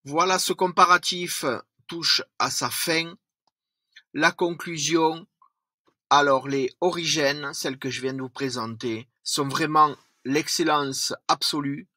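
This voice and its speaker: Male vlogger, unhurried, dry close mic, corrects his own slips often. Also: fairly high pitch, steady tone, pushed and bright, no echo. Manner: reads a list of points with slips and self-corrections. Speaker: product reviewer. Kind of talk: product review vlog.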